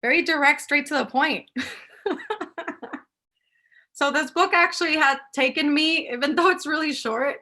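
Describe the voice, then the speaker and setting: This Puerto Rican author is doing a casual live Q&A on a video call, answering audience questions. Her high voice moves at normal speed with long pauses and sounds pushed and bright. She laughs often and mixes Spanish words into her chat.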